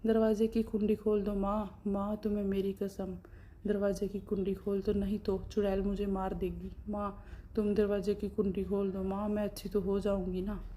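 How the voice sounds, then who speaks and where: A woman's voice: mid-range voice, flat delivery, normal speed, mellow, slight background noise, natural voice. Woman reading a frightened pleading girl. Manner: pleading, repetitive.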